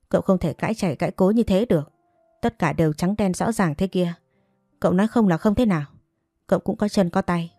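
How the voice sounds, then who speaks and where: A woman's voice: lowish voice, warm tone, no echo, studio quality. A woman voicing a stern, angry male provincial mandarin who threatens and stresses each word.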